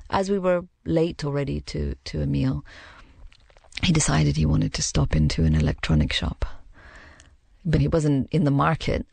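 A woman raised in the Middle East gives a reflective, measured personal account in an interview, pausing to find her words. Her voice is deep, gravelly and a little mellow, with no echo.

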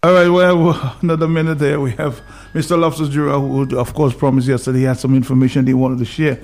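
A man hosting a call-in radio show, brisk and chuckling between calls. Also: mid-range voice, level tone, a little mellow, a little hiss or hum. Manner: brisk, chuckling, takes calls with a set phrase.

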